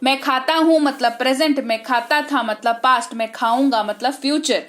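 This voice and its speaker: A woman with an Indian accent, a native Hindi speaker, teaching an online English lesson in a brisk manner, drilling terms and checking in with her students often. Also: sits high, fairly bright tone.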